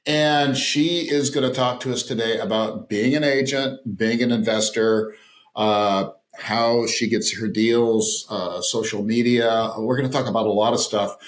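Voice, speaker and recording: A man's voice: medium pitch, fairly even intonation, unhurried. A man hosting a podcast interview, enthusiastic and chatty, often repeating phrases for emphasis. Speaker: podcast host. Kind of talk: casual interview chat.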